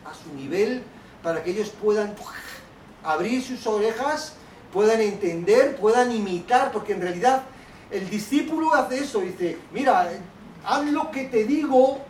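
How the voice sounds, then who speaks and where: A man giving a lively workshop talk to an audience, acting out children's voices as he tells stories. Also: high voice, slight background noise. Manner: animated, acts out children's voices. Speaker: children's ministry teacher. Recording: echoey hall, from a distance.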